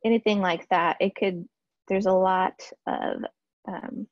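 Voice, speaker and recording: A woman talks through a marketing workshop in a casual, chatty way, filling her pauses with "um" and restarting her sentences. Her voice sits at a middle pitch. The sound is dry and a little dull, like a lo-fi recording. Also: fairly even intonation, no echo. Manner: chatty, lots of fillers and restarts. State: briefly out of breath. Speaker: marketing strategist presenting a workshop. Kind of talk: casual slide-based webinar teaching.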